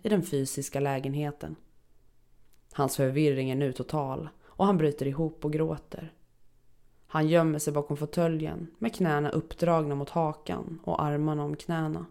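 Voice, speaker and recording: A woman narrating a first-person horror story in a steady, dark storytelling manner. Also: deep voice.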